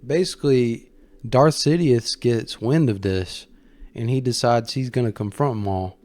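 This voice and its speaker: A man's voice: medium pitch, a little slow, a little mellow, no room sound. Male fan commentator, mid-range voice, casual storyteller with colloquial asides and emphatic stresses.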